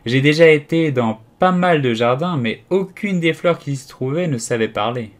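A man's voice: a little high, expressive, moderate pace, voice pushed up, lightly acted. Curious little girl, polite, eager questions, raised voice, storybook reading, as a man puts her on.

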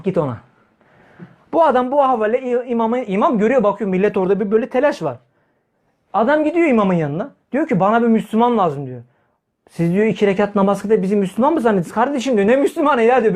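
A man's voice: high-pitched, a little mellow. A man preaching to a congregation, blunt and heated, acting out the people in his stories. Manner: heated, blunt, acts out quoted dialogue. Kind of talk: sermon.

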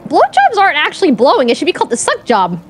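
A woman's voice: sits high, huge pitch swings, a little hiss or hum. A woman voicing an eager, naive, mischievous friend in improvised game role-play, gushing and hesitating as she chats. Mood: awkward, chatty. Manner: chatty, gushing, halting, hesitant asides.

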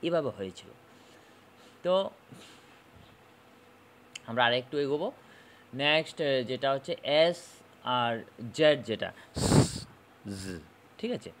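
A man teaching a phonetics lesson, slowly repeating and demonstrating sounds and often checking "okay?". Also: fairly high pitch, slight background noise.

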